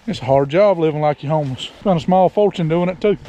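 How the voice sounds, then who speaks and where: A man with a slightly high voice and a rural South Georgia accent talks casually to his viewers. He has the folksy, unhurried, joking manner of a porch sitter spinning stories. There is faint outdoor noise from the boat and river around him. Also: mellow, highs cut off. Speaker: host of an outdoor fishing and camping vlog. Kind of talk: casual chat to camera.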